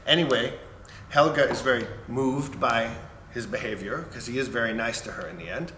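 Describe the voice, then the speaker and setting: Bright-voiced man retelling an opera plot. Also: medium pitch, normal speed. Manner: relaxed storytelling, briefly acting out characters' lines. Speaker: conductor explaining an opera. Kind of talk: casual spoken introduction. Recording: echoey room with faint noise.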